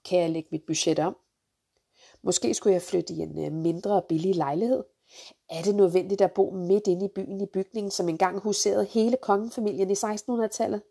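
A woman ranting through a countdown of pet peeves, blunt and sarcastic, swearing freely and jumping into sharp outbursts. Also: mid-range voice, steady tone, creaky, breathy edge. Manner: jumps to sharp loud outbursts. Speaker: vlogger, mother.

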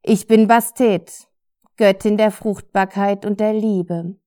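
An ancient female cat goddess speaks with imperious command and a coaxing, slow lilt, as a woman reader puts her on. She sounds proud and scheming. It is an audiobook reading. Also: mid-range voice, steady tone, warm tone, natural voice.

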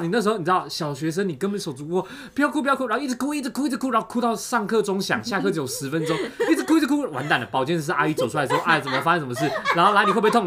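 A woman co-hosting a podcast, telling a story in fast, joking casual chat. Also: mid-range voice. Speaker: podcast co-host.

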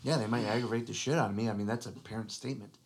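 A man with a fairly low voice co-hosts a casual podcast chat. He speaks earnestly and haltingly, restarting his sentences and filling gaps with "you know". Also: fairly even intonation, breathy edge. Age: adult father. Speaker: podcast co-host.

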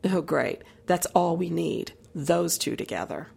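A woman's voice: fairly low pitch, sing-song, measured pace, vocal fry, a little mellow, breathy edge, exaggerated voice. An actress playing a tense, nagging woman with secrets, speaking in a pressing, accusatory way in an audio drama. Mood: worried, confronting.

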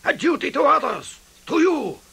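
An actor playing an earnest elderly professor, speaking emphatically and pleading in a radio drama. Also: male voice, very high voice, big pitch swings, moderate pace, vocal fry, pushed and bright, heavily acted. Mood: urgent.

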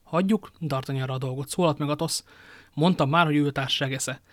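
A dignified, steady musketeer in a storybook, measured and stern, as a male reader puts him on. The voice is slightly high for a man and very close and dry. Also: no echo, natural voice.

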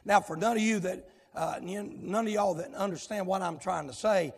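A folksy Southern US pastor preaches a fiery sermon that swells into shouting. His voice sits high, gravelly and husky. A long reverb from the church sanctuary follows every phrase. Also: normal speed. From South Carolina, US.

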